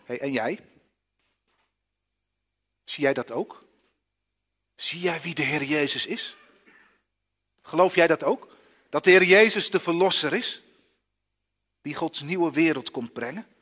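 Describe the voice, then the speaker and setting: A man's voice: fairly high pitch, slow, long pauses, a bit bright, in a large hall. A man preaching a children's sermon in a church, often asking the listeners direct questions.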